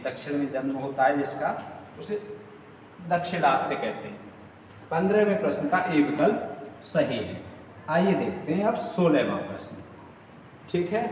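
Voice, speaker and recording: A man's voice: a little high, darkish tone. Male teacher, distant echoing room. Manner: repeats each question and key word slowly, checking with "ठीक है". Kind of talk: exam-prep quiz lesson. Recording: far from mic in an echoey room with long reverb, faint noise.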